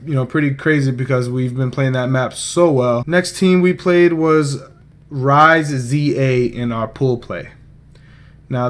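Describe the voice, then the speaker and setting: Young man, vlog host, casual recap, rambling, joking, mid-pitched. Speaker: esports player and vlog host.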